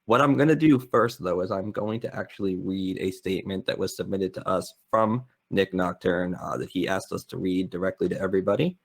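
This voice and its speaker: A man moderates a convention panel in a low, gravelly voice. He speaks in a flat, self-described monotone while introducing guests and reading statements aloud. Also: brisk, hardly any pauses. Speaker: panel host.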